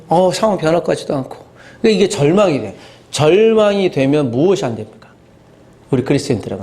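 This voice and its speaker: A man preaching a sermon as pastor, animated, acting out inner voices and asking the congregation questions. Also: on the high side.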